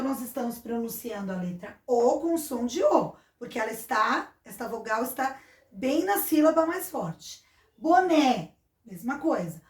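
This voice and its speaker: Brazilian woman teacher, kinda high voice, patient step by step explaining, roomy echo. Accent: Brazilian Portuguese. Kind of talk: recorded classroom lesson. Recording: echoey room.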